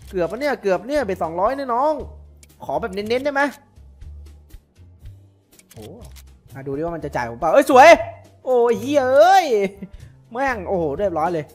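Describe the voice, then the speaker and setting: A man giving casual, excitable commentary while playing an online slot game, often cursing at the results. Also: high voice, fairly quick, long pauses, soft background music.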